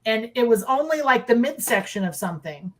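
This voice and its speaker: A woman's voice: on the high side, animated, a little fast. A middle-aged woman on a video call, casually recounting her own experience with emphatic repetition. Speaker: guest recounting sightings. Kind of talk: casual personal storytelling. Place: indoors in a dim room, on a video call.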